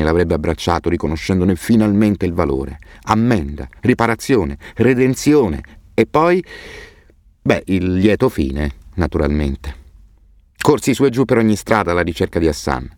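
Male audiobook narrator, very deep voice, expressive and measured, dry studio read. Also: no echo. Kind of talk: scripted narration.

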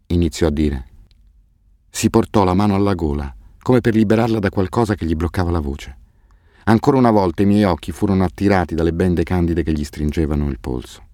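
Deep-voiced man reading a novel aloud. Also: darkish tone, no echo, clean studio sound. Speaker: audiobook narrator. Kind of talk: scripted narration.

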